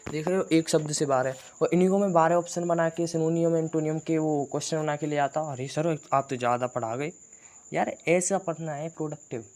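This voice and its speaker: A man's voice: a little high, steady tone, fairly quick, few pauses, a little mellow. A man teaching an exam-prep vocabulary lesson, chatty and teasing as he rattles off lists of synonyms.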